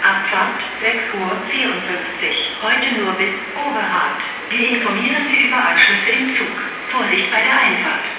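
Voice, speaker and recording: Guy doing formal train platform announcements, high pitched, super echoey loudspeaker sound. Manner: formal, measured, segmented phrasing. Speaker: station announcer. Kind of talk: scripted railway platform announcement. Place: train station platform over public address. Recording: echoey, noisy, distant station loudspeaker.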